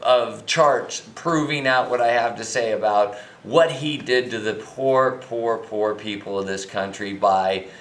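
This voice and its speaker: A man's voice: mid-range voice, a bit bright. A middle-aged American man on a drunken, rambling, profane rant as a financial commentator, indignant and emphatic. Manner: emphatic, indignant, heavy swearing. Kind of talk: profane off-the-cuff rant to camera. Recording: echoey, roomy sound.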